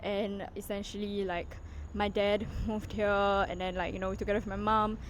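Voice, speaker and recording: A young Singaporean vlogger walks around while chatting casually to her camera, reflecting aloud and leaning heavily on "like" and "you know." Her mid-pitched voice is flat and moves at a normal speed. The audio is poor, with faint traffic humming in the background.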